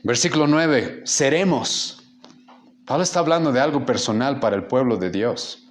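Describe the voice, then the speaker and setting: A man's voice: medium pitch, normal speed. A man preaching a sermon as pastor, impassioned and rising in volume for emphasis.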